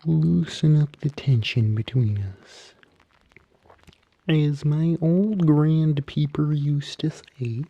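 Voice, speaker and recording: Frog puppet, earnest and eccentric, theatrical pauses, soft ASMR delivery, unhurried, dark mellow timbre. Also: male voice, on the high side, gravelly, muffled recording, exaggerated voice. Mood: soothing, creepy. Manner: soft-spoken, theatrical, halting dramatic pauses. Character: Kermit-like male frog puppet, eccentric, earnest Bigfoot believer. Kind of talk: whispery ASMR storytelling and roleplay.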